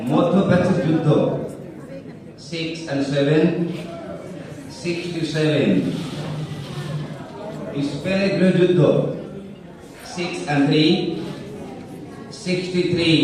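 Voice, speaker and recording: A man with a Bangladeshi accent works as a bingo caller, announcing clue phrases and then numbers digit by digit to players at a housie game. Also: fairly high pitch. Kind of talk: housie number calling at a live picnic event. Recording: echoey hall from far off, crowd chatter. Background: chatter of players.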